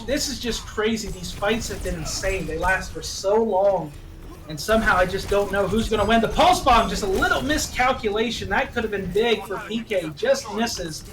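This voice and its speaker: A man doing play-by-play esports commentary, excitable and laughing at his own slips of the tongue. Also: high-pitched. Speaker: esports caster. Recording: distant mic with background noise.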